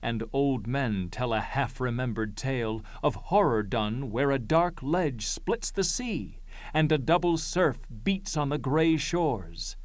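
A grave elder of the Greek chorus, acted by a man declaims tragic verse slowly and solemnly. The voice is measured, in a close, dry recording. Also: medium pitch, lively intonation, no room sound. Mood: solemn lament. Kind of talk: classical Greek tragedy verse recital.

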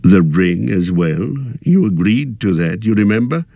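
A man reading aloud, voicing a grave, wise old male wizard in a slow, measured, thoughtful way. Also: fairly low pitch, expressive, gravelly, no room sound, muffled recording, heavily acted.

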